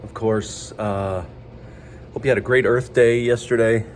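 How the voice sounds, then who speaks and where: A man's voice: on the low side, steady tone, a little slow. Guy teacher going over biology, upbeat and chatty, bit of hiss behind him. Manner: chatty, upbeat, rambling explanations with fillers. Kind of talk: casual classroom video lesson.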